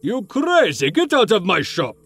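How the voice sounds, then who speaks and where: A man voicing a pushy old male shopkeeper who wheedles, whispers and booms, with faint music behind. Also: slow pace, full character voice. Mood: furious. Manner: whispering then booming, high and animated.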